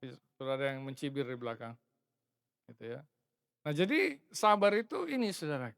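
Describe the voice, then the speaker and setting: A man's voice: mid-range voice, lively intonation, moderate pace, gravelly, a bit bright, clean tone, no room sound, clean studio sound. A middle-aged man preaching a sermon as a pastor, in a conversational, friendly way that keeps addressing the congregation directly. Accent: Indonesian. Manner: conversational preaching, addresses listeners as brothers, chuckles. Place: church sanctuary.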